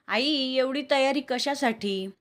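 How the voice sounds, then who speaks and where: A woman's voice: high voice, slow, a bit bright. A woman voicing a shy, modest young woman in a family audio story, speaking politely.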